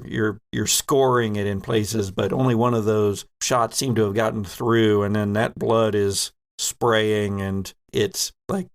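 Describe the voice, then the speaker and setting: A man with a lowish voice runs an improvised tabletop game, narrating as game master and stringing his descriptions together haltingly, bit by bit.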